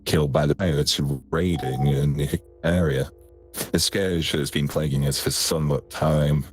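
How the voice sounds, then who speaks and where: A man playing a stern marine major in a roleplay game, speaking in formal military radio style through a voice changer that lowers the voice and sometimes clips. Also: fairly even intonation, unhurried, faint music behind. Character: stern male marine major commanding a battered base. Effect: voice changer that lowers the voice, sometimes clipping. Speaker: player in a space roleplay game.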